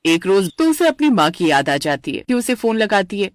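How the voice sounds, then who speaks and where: A woman narrates a family cartoon story in clear scripted storytelling. Her pitch is mid-range and the recording is dry. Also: very animated, normal speed, no echo.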